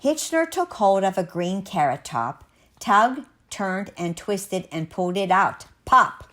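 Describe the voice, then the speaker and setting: A woman acts as storyteller, reading a rhyming children's picture book aloud with expressive, measured, dramatic sing-song emphasis. Her medium-pitched voice makes big pitch swings.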